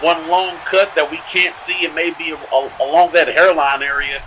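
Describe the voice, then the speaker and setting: A man adding color commentary to a wrestling match in a bright, forceful voice that sits a little high. He analyses strategy and tactics rather than just calling moves. Faint noise lingers behind him. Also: steady tone, normal speed, low-quality recording. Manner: analytical, breaks down the action. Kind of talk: live sports commentary.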